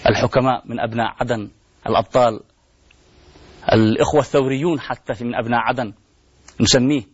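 A man's voice: mid-range voice, steady tone, fast talker, slightly rough, dry recording. A man, hosting a program and making an impassioned appeal full of pleading rhetorical questions and repeated refrains, on dull lo-fi broadcast audio. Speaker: TV program host.

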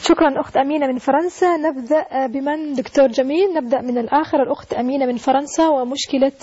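A high-pitched woman talks very fast in a mellow tone, briskly moving the show along. Her voice comes through dull and lo-fi. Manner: brisk, prompting questions. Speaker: radio co-host. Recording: dull lo-fi radio audio.

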